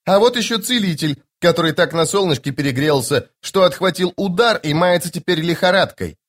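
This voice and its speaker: A man's voice: high voice, fairly quick, voice pushed up. Man voicing a scolding tough woman corporal. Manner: scolding, sarcastic. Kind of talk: audiobook character voice.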